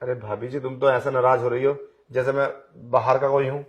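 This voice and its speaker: A pushy blind young man in a Hindi audio drama, played by a man, wheedling and coaxing without letting up. His voice sits at an ordinary middle pitch. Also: little pitch movement, fairly quick, lo-fi sound, natural voice. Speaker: voice actor.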